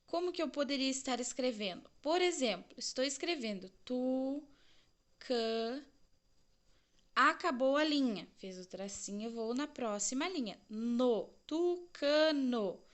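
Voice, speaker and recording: A woman's voice: sits high, expressive, a little slow. A woman teaching a recorded lesson to young children with a Brazilian Portuguese accent, stretching out syllables and asking the class questions. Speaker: primary school teacher.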